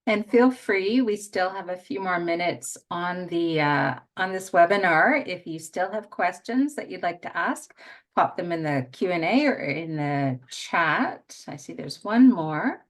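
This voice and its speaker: Woman webinar host; upbeat moderator, lower-pitched, reads out viewer questions. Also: expressive, a little slow. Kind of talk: hosting a live webinar. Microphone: remote webinar call.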